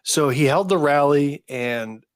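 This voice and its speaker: A man's voice: on the high side, a little slow, dry recording, studio quality. A man in his fifties, co-hosting a podcast in casual chat and telling rambling, anecdotal stories. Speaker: podcast co-host.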